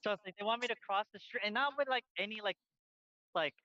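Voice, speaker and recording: Rambling high-voiced man on a lo-fi line. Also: quick pace, dry recording. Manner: rambling, many fillers and restarts. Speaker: podcast co-host. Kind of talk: casual chat. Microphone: headphones on, outdoors by a busy street.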